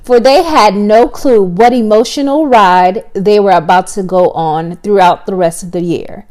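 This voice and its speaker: A woman podcast host reading her own story aloud in a casual, expressive way. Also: mid-range voice, a little slow.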